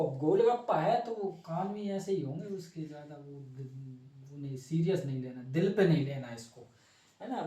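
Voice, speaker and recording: A man's voice: on the high side, dark tone, distant mic. A young man teaching a class informally, joking and teasing himself and his students as he draws. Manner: playful, self-mocking, chatty. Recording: echoey room, voice from off-mic.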